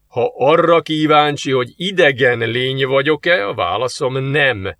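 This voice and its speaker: A man reading aloud, voicing a suave, mocking male demon who talks slowly and teasingly. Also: medium pitch, animated, fairly bright tone, dry recording. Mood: smug. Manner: smug, slow and teasing.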